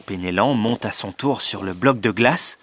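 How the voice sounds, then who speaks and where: A man reading a story aloud in measured scripted narration, with clear, lifted emphasis at exciting moments. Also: on the low side, slight background noise. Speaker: audiobook narrator.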